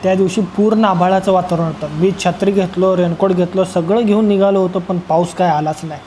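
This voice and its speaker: A man's voice: sits high, steady tone, a little fast, dark tone, a little hiss or hum, low-quality recording. A young man from Solapur, narrating a travel vlog in a rambling, joking way and addressing viewers as friends. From Solapur, Maharashtra. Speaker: travel vlogger. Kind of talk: casual travel vlog voice-over.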